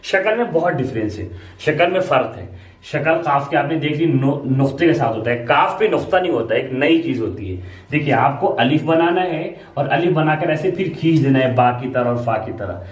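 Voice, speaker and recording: A man's voice: a little high, recorded from a distance. Man teaching beginners, patient, repeats each step, echoey classroom, voice set back from the mic. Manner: patient, explains step by step with repetition. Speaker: Arabic teacher. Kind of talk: beginner alphabet lesson at a board. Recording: roomy echo, speaker away from mic.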